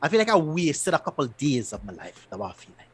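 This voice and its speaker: A man, co-hosting a casual show recap and retelling scenes in an animated way. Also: a little high, fast talker, husky. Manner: animated, loose storytelling with repeated restarts. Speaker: podcast co-host.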